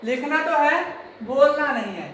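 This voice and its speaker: A man teaching English grammar to students, repeating words slowly and speaking to the class directly. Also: extremely high pitch, lively intonation, a bit bright, slight background noise. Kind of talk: classroom lesson explaining to students. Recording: very echoey room.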